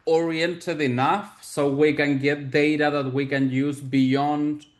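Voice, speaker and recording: Speaking with a fairly high pitch and a flat delivery, this native Spanish speaker from Chile answers technical questions as a researcher, his Chilean accent clear. His explanations are careful and deliberate, with frequent repeated words as he hunts for how to put things.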